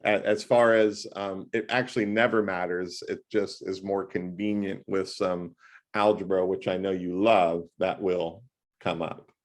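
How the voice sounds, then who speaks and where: A fairly low-voiced man teaches a one-on-one math session by video call, speaking at a measured pace. His delivery is loud, lively and jokey, with humor sprinkled throughout.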